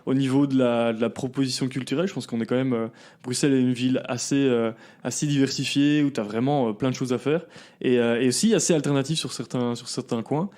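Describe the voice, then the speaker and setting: A young founder in his twenties, talking as a podcast guest. His voice sits at a middle pitch, and his delivery is relaxed and chatty, with plenty of fillers. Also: fast talker. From southern Belgium. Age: 20s. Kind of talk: casual interview chat.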